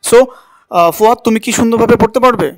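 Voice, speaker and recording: In a spoken English class, a man with an extremely high, fast voice coaches pronunciation. He has a student repeat words, repeats them himself, and corrects how they are said.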